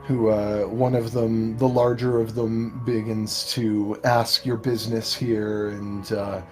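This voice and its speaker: A man narrating a tabletop game as game master, improvising the story in a halting, measured way. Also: lowish voice, level tone, a little mellow. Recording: faint background music.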